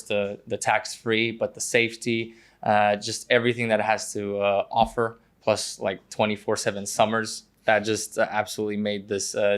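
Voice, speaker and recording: A man's voice: fairly low pitch, fairly bright tone. A man from Croatia, a guest on a podcast, talking casually and hesitantly with many fillers and restarts. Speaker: guest, prospective investor.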